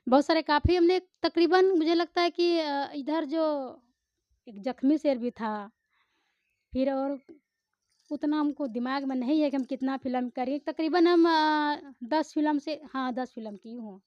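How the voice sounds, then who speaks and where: A woman's voice: sits high, unhurried, no room sound. A woman who acts in films answers interview questions in a chatty, rambling way with many hesitations. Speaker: film actor. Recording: slightly muffled, dry recording.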